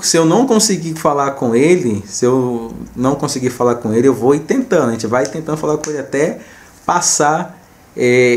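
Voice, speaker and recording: A man's voice: medium pitch, darkish tone. A man with a Brazilian accent, casually narrating a screen recording as a channel host and addressing viewers informally, often repeating himself. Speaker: host of a small gaming video channel.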